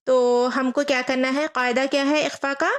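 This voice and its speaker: A woman teaching a Quran reading lesson, patiently repeating each rule, asking her students questions and slowly spelling out letters. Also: sits high, little pitch movement, clean tone. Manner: patient, repeats rules and asks rhetorical questions.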